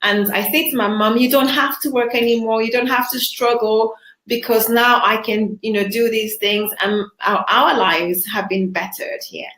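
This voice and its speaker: A woman's voice: a little high, steady tone, moderate pace, a bit bright. Woman telling her story, echoey. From Zambia. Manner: earnest, reflective storytelling. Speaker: interview guest. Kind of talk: online interview. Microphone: video call.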